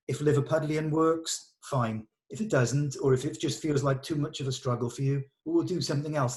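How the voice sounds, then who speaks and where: Here a man serves as director during a relaxed rehearsal, his voice mid-range and darkish. His manner is tentative, reflective, and supportive. The conversation is informal, with occasional readings of stage directions.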